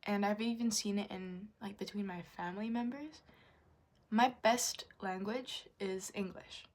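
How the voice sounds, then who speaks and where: A young adult woman vlogger speaks at a measured pace in a mid-range voice. Japanese by origin and raised in Indonesia and New Zealand, she's candid and confessional. Her frank, rambling talk is sprinkled with fillers and mild swearing.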